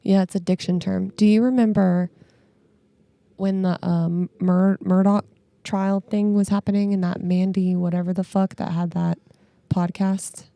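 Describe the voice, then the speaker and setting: A woman co-hosting a podcast in casual chat, with vocal fry in her voice. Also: mid-range voice, little pitch movement, measured pace, mellow, no room sound. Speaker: podcast co-host.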